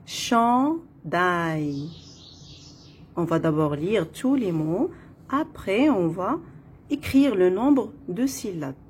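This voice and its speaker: A woman with an Arabic accent teaching French phonics, repeating each word slowly and counting the syllables. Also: mid-range voice, big pitch swings, a little mellow. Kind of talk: slow, deliberate phonics lesson. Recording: faint background noise.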